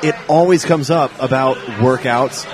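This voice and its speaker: A man's voice: mid-range voice, measured pace, soft background music. A man hosting a casual podcast chat, upbeat and laughing often, talking in long runs. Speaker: podcast host. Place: outdoors at a brewery. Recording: noisy crowd behind. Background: crowd chatter.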